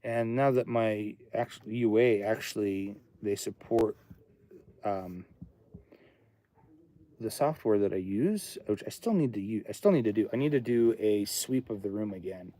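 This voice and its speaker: A man in his late thirties speaks a little slowly in a dark-toned, fairly low voice. Casually chatting on a livestream from his home studio, he thinks aloud and wanders across topics.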